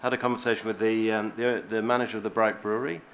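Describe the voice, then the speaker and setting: A man's voice: lowish voice, little pitch movement, rapid-fire. A man giving formal answers as a council officer at a meeting. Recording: dull, faintly noisy meeting room audio.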